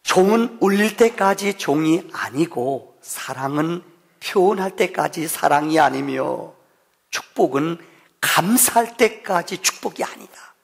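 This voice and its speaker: A middle-aged male pastor giving a Thanksgiving sermon, telling stories with sudden loud and soft swings and acting out quoted voices. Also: a little high, lively intonation, measured pace, vocal fry. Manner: acts out quoted voices of his son. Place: church sanctuary. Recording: long hall reverb.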